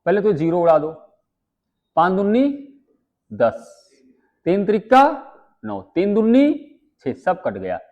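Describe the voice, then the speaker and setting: Male maths tutor, high voice, muffled lo-fi audio, chatty and quizzing. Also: huge pitch swings. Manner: chatty, asks students quick questions. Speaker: maths teacher. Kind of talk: live online exam-prep class.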